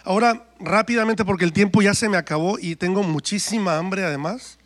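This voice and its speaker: A man's voice: high voice, a little fast, fairly bright tone. A man, a worship singer telling his story and preaching in church, acting out quoted dialogue. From Mexico. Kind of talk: testimony and sermon.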